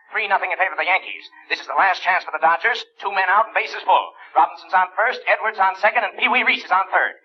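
An actor playing an excited, folksy baseball announcer with a booming, dramatic play-by-play delivery in an old radio comedy. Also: male voice, close to an everyday voice. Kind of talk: 1940s radio comedy sports commentary. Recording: dull, noisy old radio recording.

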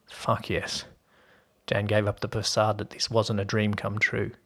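A man hosting a podcast and narrating a story in an even, steady reading voice. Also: fairly low pitch, moderate pace.

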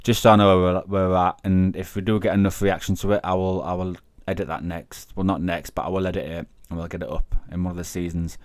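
A man's voice: low voice, level tone, quick pace, hardly any pauses, no room sound. A man hosting a casual paranormal podcast, chatty and rambling, often correcting himself mid-sentence. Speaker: podcast host, paranormal investigator.

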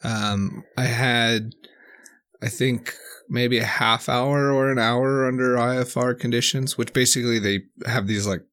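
A man's voice: mid-range voice, steady tone, measured pace, a bit bright. Laid-back young man chatting on a podcast. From United States. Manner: easygoing, laughs often, finishes the other's sentences. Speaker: podcast co-host. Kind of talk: casual chat.

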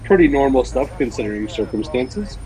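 A man co-hosting a podcast, talking in a relaxed conversational storytelling register. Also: mid-range voice, a little fast, rough recording. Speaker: podcast co-host. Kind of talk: casual chat and dramatic story reading.

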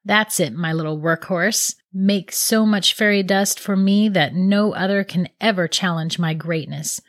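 A wicked dark witch gloats over her captive, her words slow and menacing. A woman reads her, her voice sitting low and dry, close to the mic with no room around it. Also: dry recording, lightly acted. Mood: gloating. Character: wicked cackling female dark witch, cruel.

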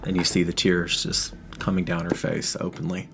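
A man narrating a tabletop game as game master, describing the scene vividly and with pauses, with faint music underneath. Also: low voice, little pitch movement, vocal fry.

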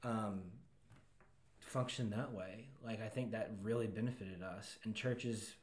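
A man guesting on a podcast, talking in a relaxed, rambling way and laughing along. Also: on the low side, a little slow, reverberant, a little hiss or hum. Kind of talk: casual chat.

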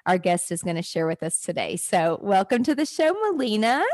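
A woman's voice: medium pitch, big pitch swings, normal speed, darkish tone, dry recording. A woman hosting a podcast, enthusiastic and encouraging as she welcomes and questions her guest. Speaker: podcast host. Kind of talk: casual interview chat.

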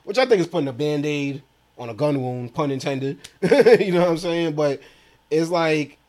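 A man with a high, bright-edged voice co-hosts a casual podcast. He talks in loose slang and keeps breaking into laughter. His stories come out animated and loose. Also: normal speed. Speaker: podcast co-host. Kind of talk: casual chat.

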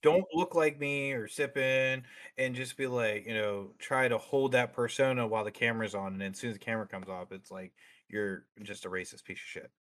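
A streamer being interviewed in a casual chat talks bluntly, swearing a lot and using plenty of fillers. His mid-range voice is fairly quick and fairly bright, with fairly even intonation, and he comes across as outspoken and opinionated.

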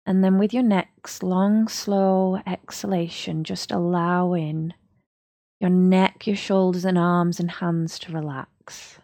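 A woman guides a yoga relaxation, leading listeners through the body part by part. Her voice is low and mellow and her delivery is slow and unhurried. The sound is dry and close, with no room around it. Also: steady tone, no room sound. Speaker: yoga teacher.

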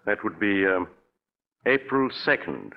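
An actor with an American accent playing a shrewd, accusing doctor-investigator in a 1940s radio drama, deliberate and pointed. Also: male voice, on the low side, big pitch swings, gravelly, heavily acted. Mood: probing. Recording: muffled old radio recording.

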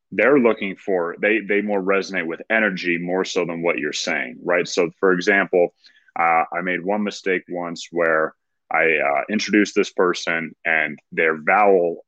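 A man's voice: low voice, a bit bright, no room sound. A man speaking as an interview guest, confidently explaining his craft in casual talk, on slightly muffled audio. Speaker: interview guest, ring announcer.

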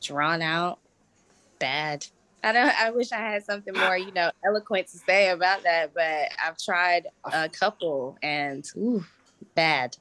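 A woman in her thirties, a cabaret singer, chatting as an interview guest in a bubbly, animated way with frequent laughs. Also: on the low side, unhurried, no room sound. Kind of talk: casual interview chat.

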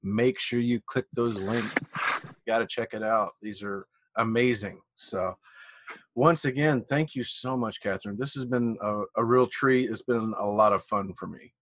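A man's voice: fairly low pitch, moderate pace, a bit bright, no room sound. Male podcast host, Missouri twang, effusive casual chat, dry close sound.

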